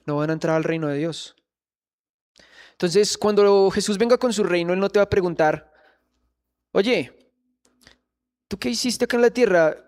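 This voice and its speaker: A man's voice: high-pitched, darkish tone, clean tone. A man preaching a sermon in church, earnestly questioning the congregation.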